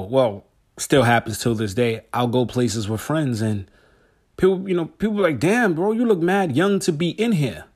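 This podcast host is a man in his forties whose mid-range voice has a darkish tone. Going solo, he talks to his listeners directly in a laid-back, slangy way.

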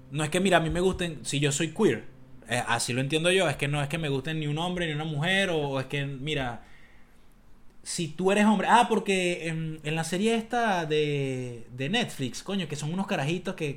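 Slangy Venezuelan man, slightly high voice. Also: a bit bright. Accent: Venezuelan Spanish. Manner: rambling, slangy, reads aloud haltingly. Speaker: podcast co-host. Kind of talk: casual chat.

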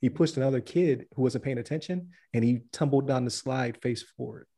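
A man co-hosting a podcast, telling a story in a relaxed way and laughing often. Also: medium pitch, fairly quick. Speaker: podcast co-host. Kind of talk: casual chat.

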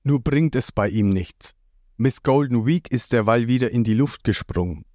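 A man narrating a recap of a comic story in a slow, lively way. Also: mid-range voice, dry recording, studio quality.

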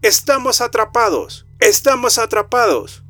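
A man's voice: extremely high pitch, very animated, a little slow, sharp tone, dry recording, soft background music, pitched above the performer's own voice, exaggerated voice. A man voicing the ghosts of dead plane passengers, crying out the same pleas over and over. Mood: desperate. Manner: repeating cries for help.

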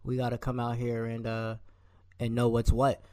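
A man's voice: mid-range voice, monotone, moderate pace, mellow, no echo. A man co-hosting a casual sports podcast, ranting animatedly and calling players and coaches out. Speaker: podcast co-host.

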